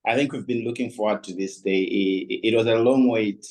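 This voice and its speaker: A man's voice: fairly low pitch, fairly quick, darkish tone, low-quality recording. A man speaking as a guest on a leadership panel, reflective and talking with many fillers. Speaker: guest speaker, company founder. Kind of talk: panel discussion.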